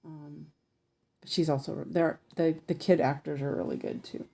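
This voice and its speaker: Her voice deep, husky, gravelly and a little mellow, a woman hosts a craft livestream, casually chatting and thinking aloud as she stitches. She keeps a steady tone and moderate pace, while a lisp blurs her s sounds toward sh.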